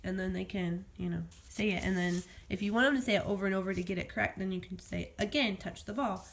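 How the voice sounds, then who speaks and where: A woman with a gravelly, fry-tinged voice, speaking at an ordinary middle pitch. She walks through a phonics lesson in a loose, chatty way, sounding out letters as she goes. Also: steady tone, fast talker. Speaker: homeschool teacher. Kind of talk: casual phonics tutorial. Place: at home.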